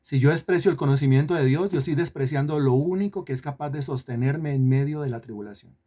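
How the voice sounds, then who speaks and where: A man's voice: a little high, quick pace, mellow. A man preaching a sermon, who repeats phrases, asks the congregation rhetorical questions, drawls out key words for emphasis and drops in sarcastic asides. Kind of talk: sermon teaching.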